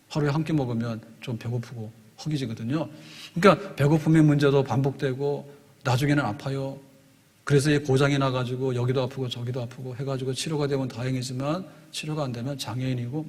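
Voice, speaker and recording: Korean pastor preaching in a reverberant hall. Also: male voice, mid-range voice, darkish tone, breathy edge. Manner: explains in short spoken phrases, voice rising and strengthening on key words. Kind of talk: sermon.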